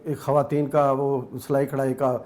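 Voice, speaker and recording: An older man with a Pakistani Urdu accent recounting his acting career as a guest on a talk show. He speaks at an everyday middle pitch, and his voice lifts when he gets animated. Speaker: actor and guest. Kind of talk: interview storytelling.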